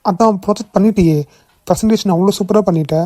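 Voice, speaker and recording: A woman voicing a kind young male boss in a cartoon, gently coaxing and reassuring. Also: medium pitch, fast, no room sound, clean studio sound, close to an everyday voice. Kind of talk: cartoon voice acting.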